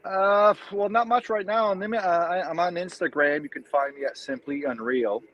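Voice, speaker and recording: A man from New Brunswick, Canada, with a French Acadian accent chats hesitantly as a guest on a video call from a tablet, using lots of fillers and restarts. His voice sits high at a normal speed, and the audio is slightly dull and lo-fi.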